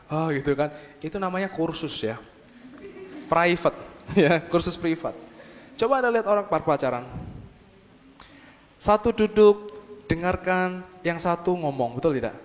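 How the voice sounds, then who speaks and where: A man with a fairly high voice speaks to a young crowd, drawing them in with constant questions and acting out quick little exchanges between people. His voice rings out with a long hall reverb. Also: animated. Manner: keeps asking the audience for agreement; acts out short dialogues in other voices. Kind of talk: lively talk to a youth audience.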